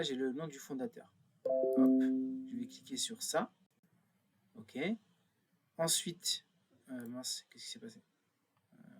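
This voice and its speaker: A man talks through a screen-recorded tutorial in a slightly husky voice. He thinks aloud as he clicks, filling pauses and correcting himself as he goes. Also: medium pitch. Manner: thinks aloud while clicking, many fillers and self-corrections. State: a bit nervous. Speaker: instructor.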